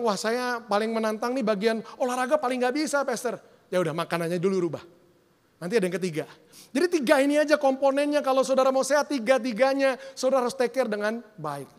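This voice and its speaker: A male pastor preaching a sermon in an animated way, slipping English words into his talk and acting out the voices he quotes. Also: sits high, long reverb tail.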